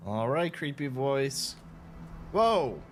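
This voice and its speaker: A man's voice: mid-range voice, sing-song, extremely slow, a little hiss or hum. Casual, cursing man streaming a game. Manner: casual, profane, joking. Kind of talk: live gameplay commentary. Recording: game music behind.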